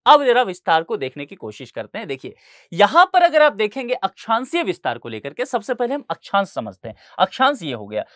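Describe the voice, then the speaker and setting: A man's voice: sits high, fairly bright tone, dry recording, studio quality. A male teacher giving an exam-prep lecture over a map, explaining step by step and often checking that students follow.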